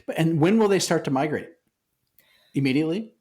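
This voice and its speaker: A man's voice: a little high, lively intonation, a little fast, a little mellow. A man hosting a podcast, asking curious questions and repeating words as he talks. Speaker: podcast host. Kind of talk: casual conversation.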